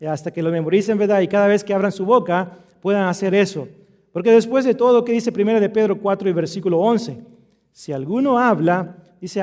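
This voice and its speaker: A man's voice: sits high, darkish tone. A man preaching an earnest sermon in a church, often using fillers and asking rhetorical tag questions. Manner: earnest, with fillers like "este" and "¿verdad?".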